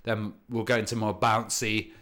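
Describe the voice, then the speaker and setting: A man with a fairly low voice hosts a music livestream as a DJ. He chats informally and explains things in a loose, rambling way. He is using headphones as his microphone. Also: level tone, normal speed, fairly bright tone. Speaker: DJ and music show host. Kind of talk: casual livestream chat. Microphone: headphones used as a microphone.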